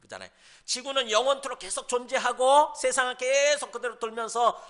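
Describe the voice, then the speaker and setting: A man's voice: extremely high pitch, fairly quick, fairly bright tone. A male pastor giving a sermon in a conversational way, asking rhetorical questions and briefly mimicking scoffers. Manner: mimics scoffers in mocking asides.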